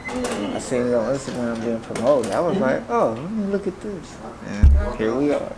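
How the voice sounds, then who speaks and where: A man's voice: mid-range voice, expressive, moderate pace, over music, rough recording. A man vlogging in casual, slangy, joking talk. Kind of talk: casual vlog chat. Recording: loud crowd chatter around him.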